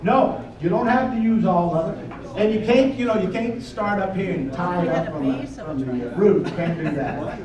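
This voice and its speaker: High-pitched man in an echoey room. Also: moderate pace, crowd noise. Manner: folksy, joking, repeats questions and instructions to the group. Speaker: workshop presenter. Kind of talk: explaining a team challenge to a room, casual. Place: large echoey indoor room with a group. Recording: echoey room, picked up from a distance.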